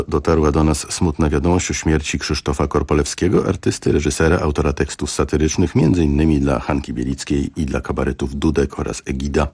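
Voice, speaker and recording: A man hosting a radio interview in a studio, asking calm, conversational questions. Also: rumbling low, gravelly, breathy edge, no room sound. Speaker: radio host.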